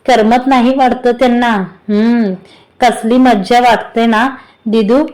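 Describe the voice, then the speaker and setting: A woman's voice: fairly high pitch, fairly even intonation, unhurried, a little mellow, close to an everyday voice. A woman voicing a playful younger sister who teases her older sister in a spoken story. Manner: playful, teasing.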